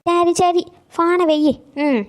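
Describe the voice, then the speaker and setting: A woman's voice: very high-pitched, steady tone, takes it slowly. A woman voicing a scheming, theatrical old grandmother in a cartoon comedy. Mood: dramatic. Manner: dramatic, theatrical scolding.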